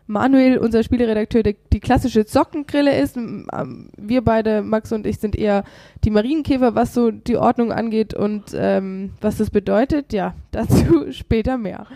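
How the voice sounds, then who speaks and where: A woman's voice: a little high, moderate pace, creaky, dark tone, no room sound, clean studio sound. A woman with a head cold and a congested, stuffy-nosed voice, chatting informally as a guest on a podcast. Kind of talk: casual podcast chat.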